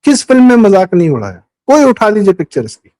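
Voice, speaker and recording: A man's voice: sits high, huge pitch swings, fast talker, dark tone, poor audio. A middle-aged man commenting on a talk show, emphatic and full of rhetorical questions. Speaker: guest commentator. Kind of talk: political talk show discussion.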